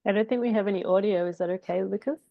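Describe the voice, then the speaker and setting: Woman, webinar host, relaxed, many fillers, video call. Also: medium pitch, racing, highs cut off. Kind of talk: casual webinar introductions.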